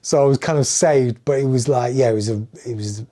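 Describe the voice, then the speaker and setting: A man's voice: mid-range voice, a little fast. A middle-aged man from England with an English accent, a music producer telling stories as a podcast guest and acting out the lines of the people in them. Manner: animated storytelling, acting out quoted dialogue. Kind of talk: casual podcast conversation.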